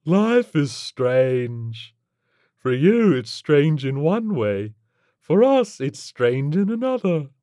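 A drawling, unbothered tentacled alien with a lilt,. His slow speech swoops up and down in a lively way, and the recording is close and dry. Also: on the high side, dry recording, pitched above the performer's own voice. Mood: laid-back. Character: laid-back male tentacled alien, stoner-casual.

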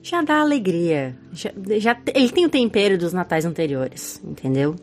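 Woman, Brazilian Portuguese accent, podcast co-host, playful, lively pitch, faint music behind. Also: normal speed. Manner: playful, laughs often. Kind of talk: casual podcast chat reading listener comments.

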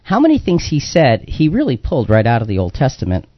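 Fast-talking, with huge pitch swings in a mid-range voice, a man hosts a live religious talk radio discussion, explaining conversationally and hammering home points by repeating phrases. The audio is dull lo-fi radio with no room sound.

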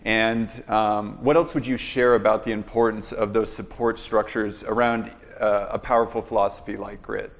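A man's voice: fairly low pitch, flat delivery, big-room sound. A man hosting an interview, telling a long story in a rambling way with many fillers. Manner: rambling, fills pauses with "you know" and "uh". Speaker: podcast host interviewing a guest.

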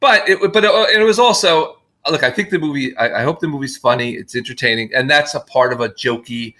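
A man's voice: mid-range voice, fairly quick, sharp tone. A man being interviewed on a podcast, talking in a rambling, self-deprecating way with frequent restarts. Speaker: guest filmmaker. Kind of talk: casual podcast conversation.

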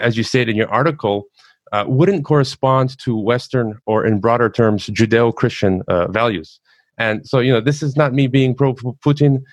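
A man's voice: lowish voice, no room sound. A man interviewing a guest, setting up his question at length before asking it. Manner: long wind-up before asking.

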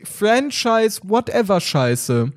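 A man's voice: high-pitched, big pitch swings, slow. A man casually chatting on a podcast, telling a story with lots of energy and acting out phone calls. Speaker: podcast host. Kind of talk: casual chat.

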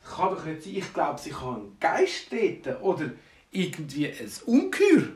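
A panicked baker, put on by a man, crying out in high, frantic bursts with a Swiss German accent. His pitch jumps around wildly. The sound is roomy and distant from the mic. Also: huge pitch swings, moderate pace, darkish tone. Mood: frightened. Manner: frantic, shrill cries for help. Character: panicked male village baker.

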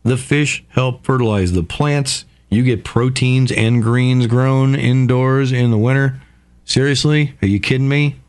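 A male radio host talking in a casual monologue, profane, excitable and rambling. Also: mid-range voice, unhurried, smooth.

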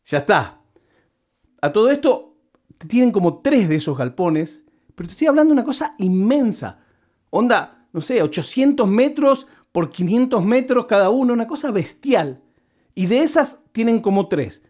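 A man's voice: very high voice, sing-song, normal speed, a little mellow. A man with an Argentine Spanish accent, telling a story in a casual monologue and repeating words for comic effect.

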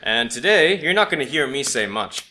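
Bright, lively man co-hosting a podcast. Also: medium pitch, moderate pace, slight background noise. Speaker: podcast co-host. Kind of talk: casual chat.

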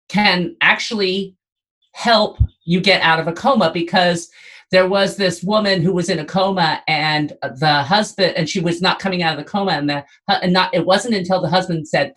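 Hosting a casual podcast quiz, a woman questions her guest and explains things conversationally. Her voice is lowish and a bit bright.

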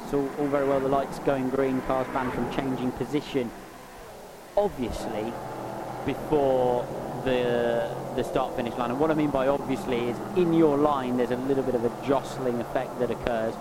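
A man's voice: medium pitch, fairly even intonation, brisk. A man giving conversational live motorsport commentary and analysis on a race. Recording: loud engine noise behind.

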